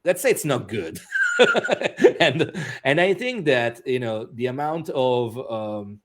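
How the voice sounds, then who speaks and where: A man's voice: mid-range voice, huge pitch swings, slow. A man speaking as an interview guest, talking casually with many restarts and fillers and laughing often. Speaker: interview guest, author and musician.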